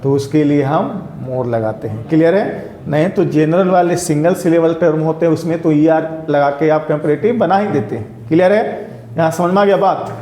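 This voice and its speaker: A man's voice: fairly high pitch, moderate pace, dark tone. Male teacher in an echoey classroom. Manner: quizzes students, keeps asking if it is clear. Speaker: English teacher. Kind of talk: interactive classroom lecture. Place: classroom with students. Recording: echoey classroom room sound.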